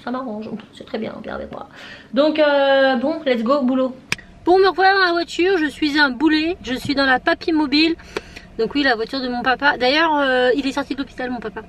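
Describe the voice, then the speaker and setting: A woman's voice: high-pitched, a little fast, a little hiss or hum. A woman in her thirties, chatting casually and laughing at herself while she vlogs from her car. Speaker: vlogger. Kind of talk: casual chat vlog.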